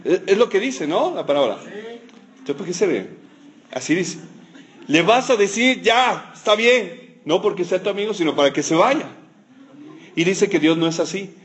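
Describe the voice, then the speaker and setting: A man's voice: high-pitched, lively intonation, moderate pace, pauses often. A man preaching a sermon, telling a Bible story in a playful, teasing way with joking asides.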